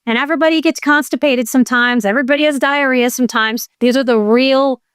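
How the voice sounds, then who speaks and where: A woman's voice: high-pitched, steady tone, fast, a bit bright, smooth, no echo, clean studio sound. A woman hosting a podcast as an emotional coach, talking in a playful, earnest and folksy way. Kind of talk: conversational podcast monologue.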